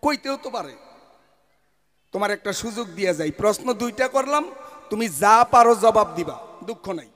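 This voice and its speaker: High-voiced man in folk verse debate. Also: lively intonation, moderate pace, fairly bright tone, long reverb tail. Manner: declamatory, rhyming, slipping into song. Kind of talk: sung and spoken folk verse debate on stage.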